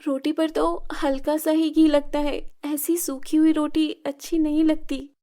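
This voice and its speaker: A woman voicing a meek, mistreated young stepdaughter who speaks softly and pleadingly. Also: sits high, little pitch movement, measured pace, voice pushed up. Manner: soft, pleading.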